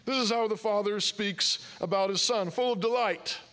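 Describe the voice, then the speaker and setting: High-voiced guy preaching, chatty sermon style, lots of questions, bright sharp tone. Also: moderate pace. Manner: conversational preaching with rhetorical questions and quoted objections. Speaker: pastor.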